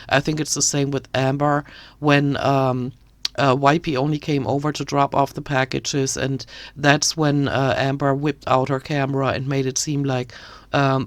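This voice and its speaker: A woman's voice: rumbling low, no echo. A woman giving critical commentary on another creator, talking in an indignant, ranting way. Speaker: commentary youtuber.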